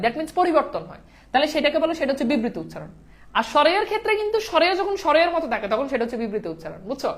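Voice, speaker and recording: A woman with a high voice teaches a lesson at a brisk clip. She fires questions at her students and answers them herself, moving quickly from one point to the next. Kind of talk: online exam-prep lesson.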